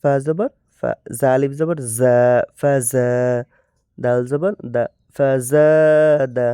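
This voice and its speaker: A Bangladeshi man teaching Quran reading, spelling out letters and vowel marks and repeating each word slowly in drills. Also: mid-range voice, steady tone, mellow, clean tone, no room sound, clean studio sound. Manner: slow, drawn-out drilling with repeated syllables.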